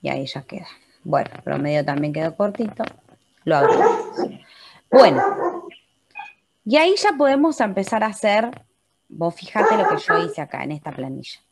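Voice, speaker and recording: A woman's voice: medium pitch, wildly swooping pitch, normal speed, vocal fry, long pauses, noisy background. An Argentine woman teaching a webinar computer class, walking her students through a spreadsheet step by step and often checking in with a patient "¿sí?". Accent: Argentine Spanish. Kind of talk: step-by-step software tutorial. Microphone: computer mic in a webinar.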